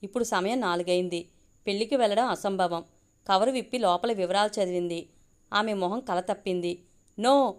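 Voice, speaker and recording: A woman telling a story aloud in an even, steady way. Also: medium pitch, a little fast, clean tone.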